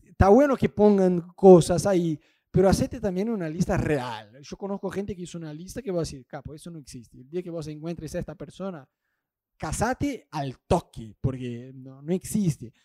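A man's voice: high voice, animated, moderate pace, warm tone, no echo, studio quality. A man with an Argentine accent preaching a casual, humorous sermon, telling a Bible story with animation and acting out the voices. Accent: Argentine Spanish.

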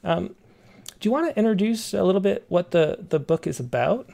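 A man with a creaky voice casually hosting and interviewing a guest on a poetry show. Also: high-pitched, lively intonation, a little fast, dark tone. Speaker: host of a poetry reading show.

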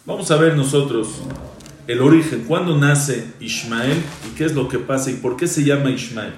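A male rabbi gives a Torah class at a mid pitch. He quotes old texts, then translates and repeats key phrases as he explains. His voice rings with a roomy echo. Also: normal speed, a little hiss or hum.

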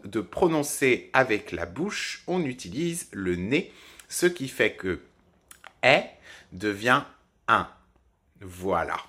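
A man teaching French pronunciation on a podcast, halting with many fillers and restarts. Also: mid-range voice, fairly bright tone. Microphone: podcast microphone.

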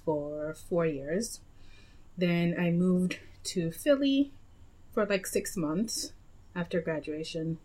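A young woman from Nigeria in a relaxed conversation, with a slightly low voice. She talks in a meandering way, doubling back and correcting herself mid-sentence. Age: young adult. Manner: chatty, meandering, with frequent self-corrections. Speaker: guest. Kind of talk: casual chat.

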